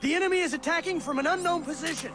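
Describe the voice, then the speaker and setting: A man's voice: very high-pitched, rapid-fire, over music. A man playing a tense male patrol soldier, reporting over a military field radio in clipped military phrases.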